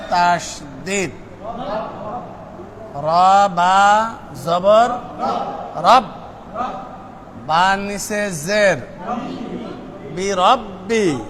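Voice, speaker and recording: A male Quran teacher drilling pronunciation with a class, drawing out syllables slowly, then explaining quickly, and chanting the verses. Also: high-pitched, fairly bright tone, slight background noise. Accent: Bangladeshi Bengali.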